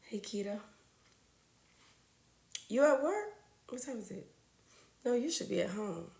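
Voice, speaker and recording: A woman's voice: medium pitch, animated, a little slow, gravelly, a little mellow, roomy sound. A woman, a registered nurse hosting a casual livestream, greeting viewers by name and a little congested from a cold.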